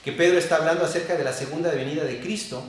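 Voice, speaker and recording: A man preaching an expository sermon, teaching carefully and repeating key words slowly. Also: on the high side. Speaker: pastor. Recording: very echoey church room, distant mic.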